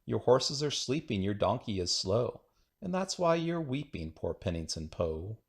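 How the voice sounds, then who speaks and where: A man with a fairly low voice reads children's rhyming poems aloud, playful and singsong with a strong rhythm. He is very animated but keeps a measured pace.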